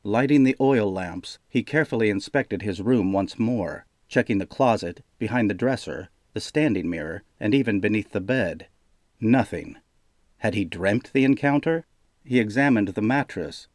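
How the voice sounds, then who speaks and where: A man reading a fantasy audiobook aloud in a steady, measured storytelling manner. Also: fairly low pitch, no room sound, studio quality. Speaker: audiobook narrator. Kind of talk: scripted narration.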